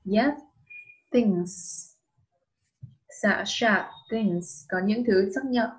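A woman's voice: mid-range voice, very slow, rough recording. A woman teaching English online with a Vietnamese accent, patiently dictating and spelling words letter by letter. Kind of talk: slow dictation lesson for a child.

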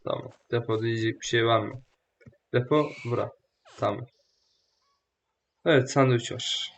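A young man giving casual, joking let's-play commentary, excitable and slangy, often talking back to the game. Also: medium pitch, normal speed, vocal fry, lo-fi sound. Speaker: gaming YouTuber.

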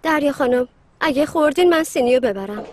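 A woman's voice: sits high, lively intonation, a little hiss or hum. A woman dubbing a gossipy young housemaid who grumbles indignantly.

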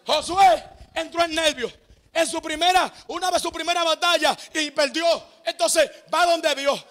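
Shouting high-pitched preacher. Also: male voice, normal speed, a faint crowd. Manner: animated storytelling, shouting emphatic lines. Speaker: evangelist preacher. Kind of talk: sermon. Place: church service.

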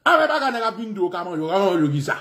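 A man with a Haitian accent, a political activist and radio host, giving a fiery, repetitive monologue that rises to shouts and swearing. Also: high voice, big pitch swings, fast.

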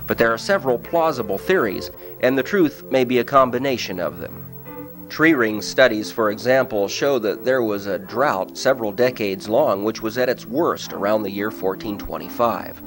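A man giving scripted documentary narration in a measured, explanatory way. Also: fairly low pitch, fairly bright tone, soft background music.

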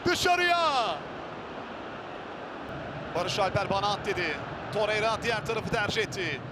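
A man giving live football play-by-play, excitable and screaming out goals and players' names. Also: high-pitched, unhurried. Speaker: football match commentator. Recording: loud stadium crowd noise behind voice. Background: roaring football crowd.

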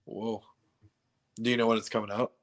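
A man co-hosting a podcast, chatting casually and chiming in with quick reactions. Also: lowish voice, little pitch movement. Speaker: podcast co-host. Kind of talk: casual chat.

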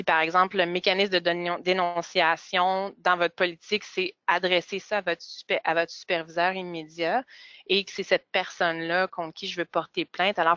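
A woman giving a webinar presentation, speaking in a measured way with frequent hesitations. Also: on the low side, a bit bright, clean tone, no echo. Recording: dull, lo-fi webinar audio.

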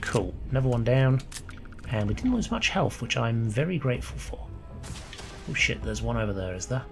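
Creaky and medium in pitch with big swings in intonation, a man talks at a moderate clip over a gameplay video with game music. His let's play commentary is casual and chatty; he reads notes aloud even as his voice fades.

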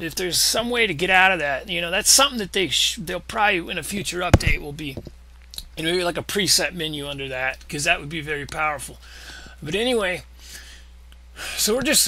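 Bright-voiced man teaching music software. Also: high-pitched. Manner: casual and profane, explaining step by step. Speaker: music production tutor. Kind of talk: screen-recorded software tutorial.

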